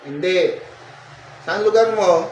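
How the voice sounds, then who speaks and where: A man's voice: high-pitched, slow. Commanding healer man, roomy and distant. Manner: commanding, repetitive interrogation, murmured incantations. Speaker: folk healer. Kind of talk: healing ritual with chanted prayers and questioning. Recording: roomy sound from far off, faint noise.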